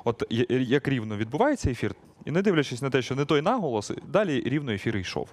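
A young male morning-show host with a mid-range voice who talks fast and briskly. He chats with a guest and signs off like a presenter. The sound is dry and close. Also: medium pitch, very animated, dry recording. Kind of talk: casual chat, upbeat show sign-off.

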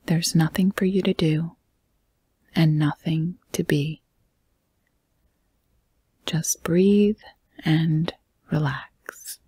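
A woman guides a meditation in a very breathy, almost whispered, low voice. She speaks slowly and gently, leaving calm pauses between short phrases, and the sound is close and dry with no echo.

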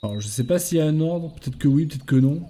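A young man casually commenting on his game and reading in-game notes aloud, getting excited as he plays. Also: fairly high pitch, fast talker, a little hiss or hum. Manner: excitable, talks to himself and viewers, reads in-game notes aloud. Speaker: gaming YouTuber. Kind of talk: casual let's-play commentary.

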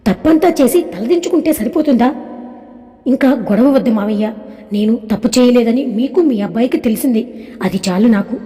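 A wronged young wife, as a woman narrator voices her, pleading and tearful, in a high voice with a mellow tone. The storybook reading carries a long hall reverb. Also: normal speed, natural voice. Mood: bitter. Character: grieving young wife, hurt but composed.

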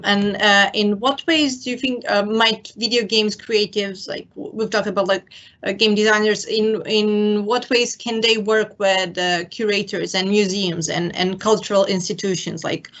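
A woman interviewer asking questions over a video call from a room at home, halting and stumbling with fillers. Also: medium pitch, a bit bright. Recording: muffled video call audio.

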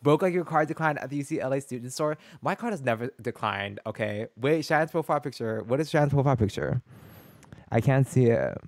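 A young man chatting casually while streaming a game, animated and full of slang. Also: mid-range voice, brisk, no room sound. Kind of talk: casual gaming stream chat.

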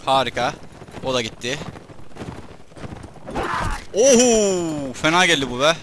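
A young man giving casual commentary over his gameplay, chatting to his troops and breaking into loud excited shouts during fights. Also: mid-range voice, fast talker, background noise. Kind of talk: let's play commentary.

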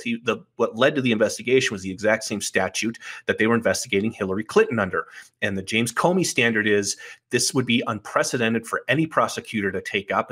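Male podcast guest, sharp and bright timbre, numbers off his points with sardonic bite. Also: medium pitch, slightly rough. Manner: argumentative, lays out points one by one, sardonic. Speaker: podcast guest, political commentator. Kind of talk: casual podcast conversation.

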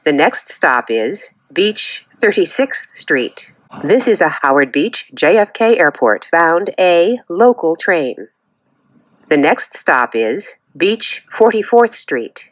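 A woman's slow announcement over a train loudspeaker. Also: fairly low pitch, no room sound. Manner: measured, clearly enunciated. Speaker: transit announcer. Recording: dull lo-fi loudspeaker sound.

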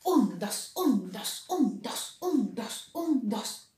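A woman voicing a sporty, energetic hare in a storybook reading, with an energetic, chanting manner. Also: a little high, drawn-out words, slight background noise, exaggerated voice. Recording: roomy echo.

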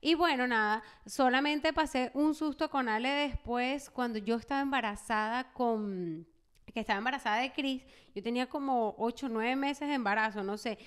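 A woman, co-hosting a casual chat podcast and telling animated stories that act out each scene. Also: on the high side, moderate pace, clear, resonant tone. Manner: animated storyteller who acts out scenes. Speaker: podcast co-host.

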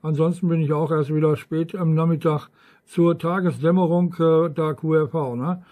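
A mellow, fairly high male voice holds a steady tone and moderate pace in a relaxed ham radio conversation that meanders, often closing lines with tag questions.

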